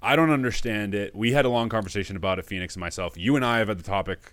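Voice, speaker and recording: A man hosting a show, chatting in a relaxed, casual way with a guest and using lots of filler words. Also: lowish voice, racing. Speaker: podcast host. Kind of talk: casual interview chat.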